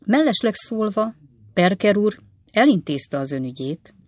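The character here is a young male law clerk, cynical and flippant, voiced by a reader with big swings in pitch and a mocking, casual delivery. The recording is dry, made in a dry studio.

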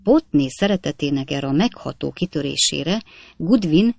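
A woman reading a classic novel aloud in an even, measured storytelling manner. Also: low-pitched, vocal fry, no echo. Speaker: audiobook narrator. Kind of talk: scripted narration of a classic novel.

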